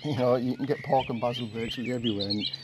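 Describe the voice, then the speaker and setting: In rapid-fire, mid-range monotone, an older man from England rambles casually through anecdotes as he cleans his car in a house's carport for his vlog. A distant camera mic picks up birds, rural ambience and general background noise.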